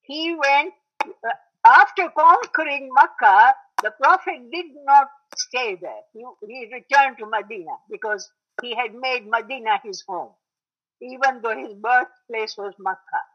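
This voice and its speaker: A woman teaching a lecture on religious history. She explains at length, repeats key points for emphasis, and often pauses with fillers and clears her throat. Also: on the high side, lively intonation. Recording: dull lo-fi recording.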